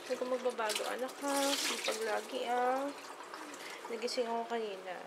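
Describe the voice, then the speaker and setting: A woman's voice: a little high, fairly even intonation, moderate pace. A woman in a casual, teasing family chat at home. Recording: loud background noise.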